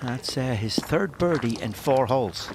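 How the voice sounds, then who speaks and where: Man, medium pitch, live golf commentary, very noisy outdoor background. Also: animated, measured pace. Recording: loud outdoor background noise.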